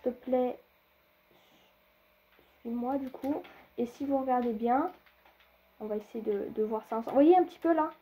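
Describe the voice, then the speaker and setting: A woman's voice: fairly high pitch, moderate pace, long pauses, warm tone, husky, highs cut off. A young woman rambling through a casual gameplay commentary, talking straight to her viewers with lots of fillers and hesitations. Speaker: gaming video creator.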